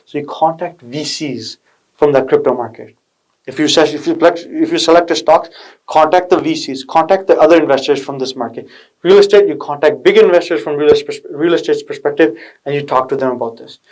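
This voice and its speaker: A man's voice: mid-range voice, darkish tone, low-quality recording. A man hosting a video channel, giving a casual motivational explainer in a slangy, pushy tech-bro manner. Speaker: video channel host giving investment advice.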